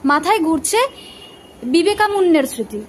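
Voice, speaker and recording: A woman with a Bengali accent, reading news headlines as a presenter in a crisp announcing manner. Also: very high-pitched, expressive, moderate pace, a little hiss or hum.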